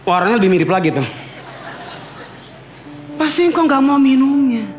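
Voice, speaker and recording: A man's voice: very high voice, big pitch swings, normal speed, darkish tone, roomy sound, slight background noise. A male pastor preaching a sermon with humor, playfully mimicking how wives talk. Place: church.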